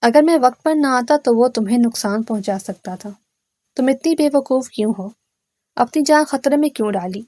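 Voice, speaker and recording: A stern, brooding young man speaks curtly and scolds in a storybook tale, voiced by a woman narrator. The voice stays fairly high with little change for the role. It is recorded close and dry. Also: expressive, dark tone, no room sound. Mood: angry.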